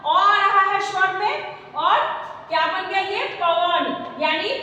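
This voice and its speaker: Here the same kind of teacher, a woman with a Bihari Hindi accent, runs an online grammar class at a slow, repetitive pace, firing questions at her students. She sounds very high-pitched and sharp, though the audio itself is dull and the echoey room leaves a long reverb.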